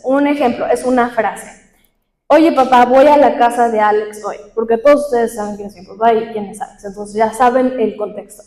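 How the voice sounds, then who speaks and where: A woman's voice: fairly high pitch, dark tone. A young woman giving a workshop talk to a live group, teaching conversationally and asking the audience questions. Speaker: workshop speaker. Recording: echoey hall with long reverb.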